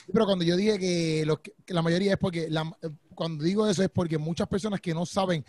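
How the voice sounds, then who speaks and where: A man in a casual podcast chat, quick to agree and repeating himself. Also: high-pitched, steady tone, darkish tone, no echo.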